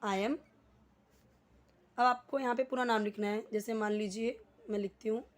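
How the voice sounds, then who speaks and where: A woman with an Indian accent teaching an English lesson in Hindi, patiently explaining and slowly repeating example phrases. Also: a little high, steady tone.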